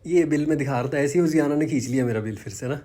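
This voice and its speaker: Chatty man with a mellow voice. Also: a little high, racing. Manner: chatty, peppers speech with "bhai sahab"; mixes English phrases into Hindi. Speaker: vlogger. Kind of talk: casual vlog walkthrough narration.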